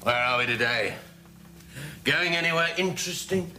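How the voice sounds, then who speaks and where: An actor playing a middle-aged, sarcastic spaceship officer who challenges others scornfully in a television drama. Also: male voice, a little high, moderate pace, pushed and bright, soft background music. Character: burly bearded male officer, sarcastic and scornful. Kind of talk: television science fiction drama acting. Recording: faint hum and noise.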